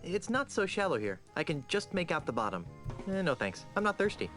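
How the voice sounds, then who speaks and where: Young cartoon pirate hero, lively swooping delivery, slightly high voice, wry, naive, game dialogue over music. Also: male voice, brisk. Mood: observing. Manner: wry, observational quipping. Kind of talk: animated adventure game dialogue.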